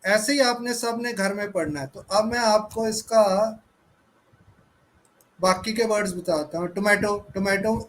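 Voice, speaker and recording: A man teaches children in an online class. He speaks slowly, spelling each word out letter by letter. He is heard through a video call. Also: high voice, low-quality recording. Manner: slow, patient spelling out of words letter by letter.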